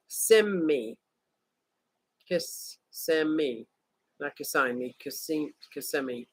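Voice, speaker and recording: In a dry recording, the host's medium-pitched voice sounds pushed and bright as they chat casually with viewers from a vacation room, reading the chat, cracking jokes and calling people out by name.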